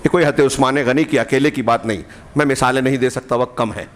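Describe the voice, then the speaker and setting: A man with an Indian Urdu accent giving a Friday sermon in a mosque. He explains terms in short repeated phrases and rises to fervent, emphatic peaks before dropping low. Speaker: preacher.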